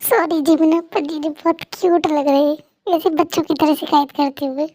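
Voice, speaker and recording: A woman's voice: sits high, fairly even intonation, normal speed, mellow. A woman playing a teasing, playful young female friend in a fan story role-play.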